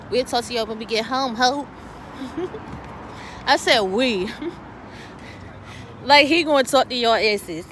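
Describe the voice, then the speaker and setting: A woman's voice: high-pitched, a bit bright, slight background noise. A young woman, chatting casually to camera for a vlog, laughing often and swearing freely. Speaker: vlogger. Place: restaurant, then car.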